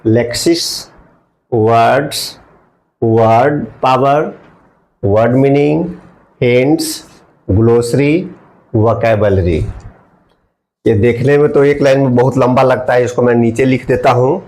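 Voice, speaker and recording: A man's voice: mid-range voice, slow, pauses often, a little mellow. A man teaching English vocabulary in a classroom-style lesson. He spells words out letter by letter, repeats key words and asks the viewer questions.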